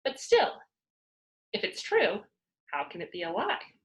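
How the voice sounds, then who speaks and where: Woman as exuberant young storybook girl, mischievous and cheeky, very animated delivery. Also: mid-range voice, a little slow. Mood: teasing, argumentative. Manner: playful, cheeky, argumentative. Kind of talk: children's storybook character voice.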